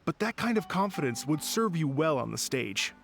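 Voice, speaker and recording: A courteous young event organizer who talks in a slightly raised tone and stays polite and a bit fussy, stumbling over small fillers. Faint game music plays behind him. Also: male voice, on the high side, very animated, moderate pace, creaky. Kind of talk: video game voice acting.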